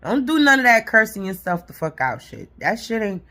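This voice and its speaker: A woman and mother with a raspy voice, giving a blunt, profane, encouraging talk to her viewers. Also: a little high, sing-song, a little fast, pushed and bright. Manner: blunt, profane and encouraging, says "y'all" and "honey". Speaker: vlogger and mother. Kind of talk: casual motivational talk to camera.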